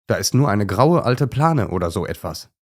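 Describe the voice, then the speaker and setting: A man doing a calm good-natured shepherd dog. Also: lowish voice, normal speed. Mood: easygoing. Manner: calm, reasonable. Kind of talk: storybook character voice.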